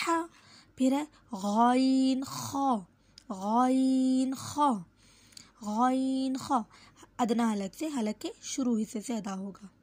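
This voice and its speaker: A woman with a slightly high voice teaches a careful pronunciation lesson for Quranic letters. She stretches each letter sound out slowly and repeats it, and she fills her explanations with small pauses and restarts. The recording is dry and close, with no room echo. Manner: explains with fillers and self-corrections.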